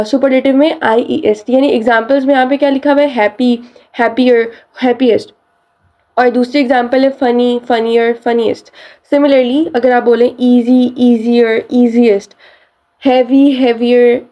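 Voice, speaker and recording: A woman's voice: high-pitched, dark tone. A woman teaching an English grammar lesson, explaining rules step by step and mixing English terms into her speech.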